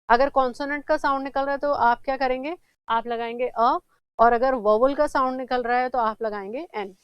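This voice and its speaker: A woman teaching English grammar in a classroom-style lesson, asking questions and answering them herself, repeating examples slowly. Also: high voice, clear, resonant tone, no room sound, dull audio.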